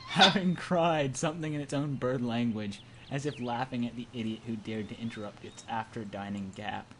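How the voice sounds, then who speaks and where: This is an amateur home recording, background noise clearly audible, of a young man reading a visual novel aloud. He hams it up playfully, blending dramatic narration with jokey asides. His voice is mid-range at a normal speed.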